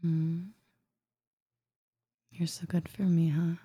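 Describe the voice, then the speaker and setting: Woman, breathy low whisper, slow soothing ASMR delivery, close and dry. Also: little pitch movement, no echo. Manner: soft whispering with long murmured hums; soothing, hushing. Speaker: ASMR roleplay performer.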